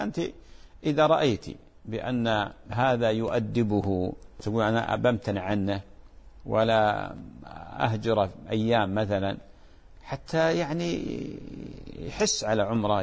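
A man hosting a religious advice show, answering viewers' questions in a gentle, fatherly way with frequent blessings. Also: mid-range voice, creaky.

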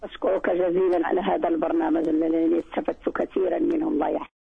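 A woman calling in over a tinny phone line. Her voice is very husky and gravelly, high, and quick. She speaks politely and thanks the host. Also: level tone. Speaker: caller.

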